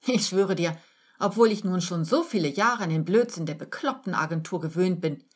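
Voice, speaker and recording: A woman's voice: fairly low pitch, moderate pace, natural voice. A woman reading an audiobook and voicing a dramatic young woman office worker, whiny and indignant in her outbursts.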